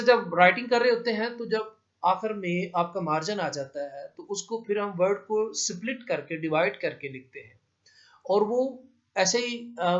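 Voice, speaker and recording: A male teacher explaining English grammar rules slowly, repeating each term and giving English examples. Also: high voice. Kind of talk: classroom lesson explanation. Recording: dull lo-fi recording.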